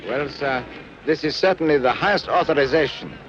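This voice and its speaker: An actor playing a dutiful police inspector who speaks formally and politely, in 1960s film acting. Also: male voice, a little high, a little fast, lightly acted. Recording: dull old film soundtrack, street noise.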